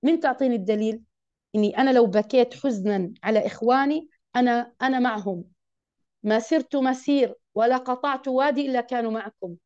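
A woman's voice: on the high side, fast, a little mellow. A woman teaching a religious lesson to women, emphatic and often asking her listeners questions. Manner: emphatic, asks the audience questions. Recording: dull lo-fi recording.

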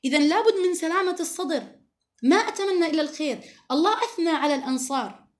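A woman teaches a religious lesson to a group of women. Her high voice moves along quickly, and she speaks with earnest emphasis, often quoting scripture.

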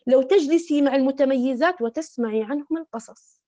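A woman's voice: high voice, fairly quick, mellow, highs cut off. A woman giving an earnest religious talk to women, counselling them with repeated, imploring appeals.

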